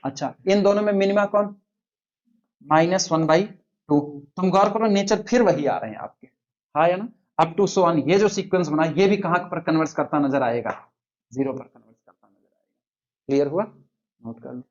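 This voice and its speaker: A man teaching a math lecture at the board, quizzing his students and slowly counting through terms. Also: fairly high pitch, highs cut off.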